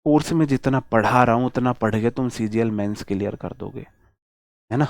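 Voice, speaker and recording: A man teaching English grammar to exam students, drawing out each example slowly and asking the class rhetorical questions. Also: medium pitch, no room sound, clean studio sound.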